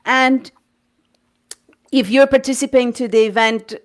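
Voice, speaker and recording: A woman hosting a casual chat, talking eagerly and quickly and often restarting her phrases. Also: fairly high pitch, fairly even intonation. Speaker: host.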